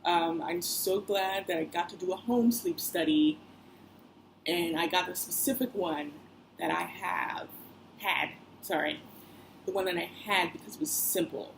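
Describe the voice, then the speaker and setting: A woman's voice: on the low side, unhurried, gravelly, rough recording. A young woman vlogging in a chatty, rambling way, full of fillers and side remarks. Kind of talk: casual personal vlog. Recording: faint background noise.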